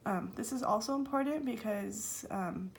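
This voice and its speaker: A woman's voice: mid-range voice, moderate pace, vocal fry, a little hiss or hum. A young adult woman giving a scripted student presentation with informal, somewhat hesitant asides.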